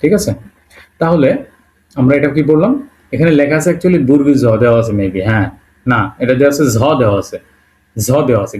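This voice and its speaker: A man's voice: mid-range voice, dark tone. Patient man teaching letter sounds. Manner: repeats sounds slowly and checks understanding with "okay?"; mixes English words into his explanations. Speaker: language teacher. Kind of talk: Bengali-language alphabet lesson.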